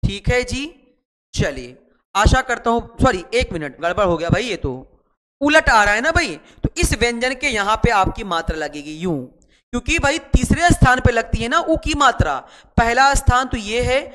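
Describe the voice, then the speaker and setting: A man's voice: very high-pitched, animated, normal speed, bright, forceful tone, big-room sound. A man teaching shorthand in a chatty online lesson, repeating words and asking and answering his own students' questions. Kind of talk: online lesson, explaining while writing.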